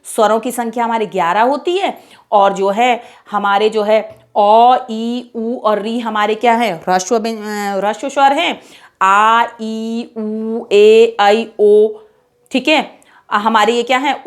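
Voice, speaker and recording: A woman with a somewhat high voice gives a children's alphabet lesson. She recites the letters one by one, drawing each of them out. She keeps asking her pupils questions and then answers them herself, in a patient, repetitive way. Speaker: teacher.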